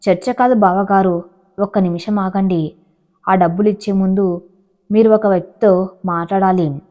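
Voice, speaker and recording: A woman's voice: medium pitch, steady tone, moderate pace, big-room sound, close to an everyday voice. A woman narrator gives voice to a firm, self-sacrificing young wife. She speaks insistently. The audio is dull and lo-fi.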